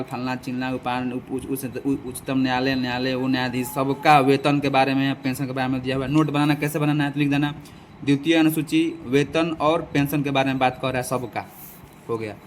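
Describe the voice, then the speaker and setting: A man's voice: mid-range voice, level tone, brisk, slight background noise. Chatty tutor, man. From Bihar. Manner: chatty, repeats lists, addresses viewers as bhai. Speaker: exam coaching teacher. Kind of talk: casual spoken lesson with rhetorical questions. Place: farm field outdoors.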